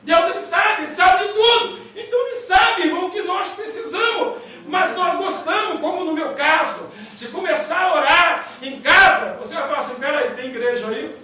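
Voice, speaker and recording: High-voiced Brazilian pastor preaching loud. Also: male voice, moderate pace. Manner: loud, fervent preaching with folksy stories. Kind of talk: loud evangelical sermon. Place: church hall. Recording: echoey church hall, mic far off.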